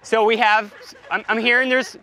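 A young man giving an excited live science demonstration outdoors, throwing questions to a group. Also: high voice, normal speed, low-quality recording. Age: young adult. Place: outdoors, lawn in a courtyard.

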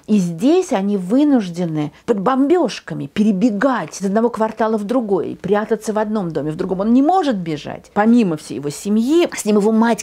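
An older woman giving a history lesson, telling the story in a lively, emphatic way with rhetorical questions. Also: mid-range voice, slightly rough. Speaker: history lecturer.

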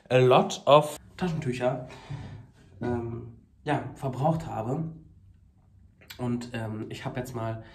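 Stuffy and coughing from a cold, this young adult man talks to camera for a casual daily vlog inside his small flat and kitchen. His medium-pitched voice is gravelly and husky, and he speaks haltingly, full of fillers, into a phone held out at arm's length.

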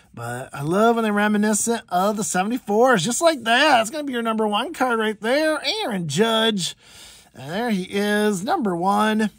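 A man's voice: sits high, dry recording. A man casually talking through a pack opening as channel host, chatty and rambling with lots of fillers. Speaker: card collector and channel host. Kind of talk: casual card-opening commentary.

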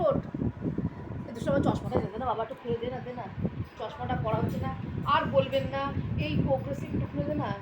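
A middle-aged woman talks in a high, lively voice, chatty and a little exasperated, as she vlogs from home. Her voice rings in a roomy space. Loud background noise runs under her words. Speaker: vlogger. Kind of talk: casual home vlog chat. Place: home, indoors. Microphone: handheld phone camera.

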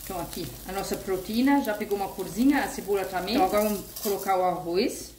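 Talking at a quick pace in a mid-range, darkish voice, a vegan cooking channel host explains a home recipe step by step from her kitchen. The casual tutorial is chatty and homey, sprinkled with diminutives and fillers, and the recording is reverberant with a little hiss or hum.

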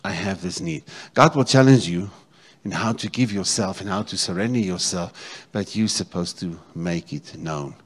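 On an indoor church stage, a middle-aged South African pastor holds a handheld microphone and preaches at a moderate pace. His voice is deep, and he keeps repeating key phrases and checking in with the people in front of him.

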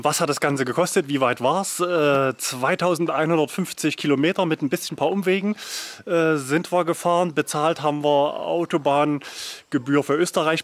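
A man's voice: fairly high pitch, no echo. A middle-aged man talking to a handheld camera outdoors in a casual travel vlog, matter-of-fact and explaining with many fillers. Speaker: travel vlogger. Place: outdoors, country lodge and foggy mountain. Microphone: action camera at arm's length.

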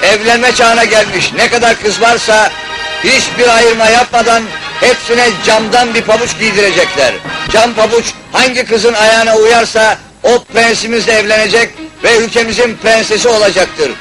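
Man acting a very high-voiced town crier. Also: fairly even intonation, close to an everyday voice, low-quality recording. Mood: proclaiming. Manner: declaiming, formal, drawn-out calls to the public. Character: loud town crier proclaiming a king's decree. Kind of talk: town crier's proclamation in a fairy-tale film. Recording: old film soundtrack with music behind.

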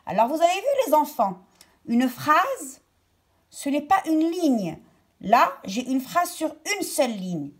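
A woman teacher giving a slow, carefully articulated grammar lesson to children. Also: high voice, big pitch swings.

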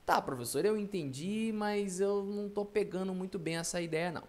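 A man's voice: sits high, normal speed, lightly acted. A man voicing a confused student who keeps asking the teacher doubtful, whiny questions. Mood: puzzled.

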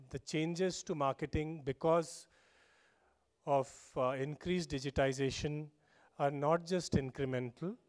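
A middle-aged man with an Indian English accent, giving a measured conference keynote at a podium mic and often saying "you know". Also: on the high side. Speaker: keynote speaker. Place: large conference stage, indoors. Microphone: podium microphone.

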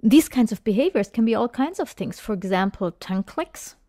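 A woman's voice: a little high, expressive, moderate pace, warm tone, no room sound, clean studio sound. A woman talking as a parrot trainer in a chatty, enthusiastic voice-over, with small fillers. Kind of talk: instructional voice-over narration.

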